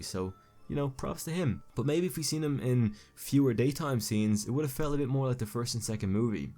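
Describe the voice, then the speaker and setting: A young man with a medium-pitched, dark voice talks casually over a video as a YouTube film commentator. He rambles, stumbles, and restarts, often correcting himself mid-sentence, all captured on a home recording mic.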